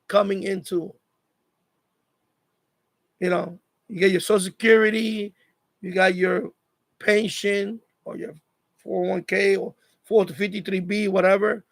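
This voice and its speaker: On a casual live stream, a man gives advice and keeps repeating phrases as he goes. His voice sits high and is gravelly, with no echo.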